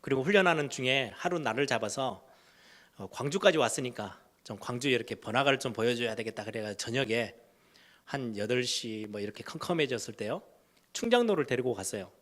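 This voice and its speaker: A middle-aged man, a pastor, preaching a sermon in a storytelling way, swinging between loud emphatic lines and hushed low ones. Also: expressive, a little fast. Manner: storytelling, acts out quoted voices of kids and parents.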